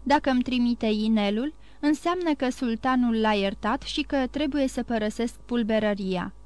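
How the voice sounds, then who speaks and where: A woman's voice: on the high side, lightly acted. A woman voicing a proud, resolute young guard. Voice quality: sweet yet proud voice. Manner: resolute, calm under threat. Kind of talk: audiobook character reading.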